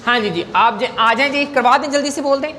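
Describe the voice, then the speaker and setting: A man's voice: very high voice, a crowd in the background. A man teaching an English grammar lesson in class, patient and coaxing, often checking whether students follow.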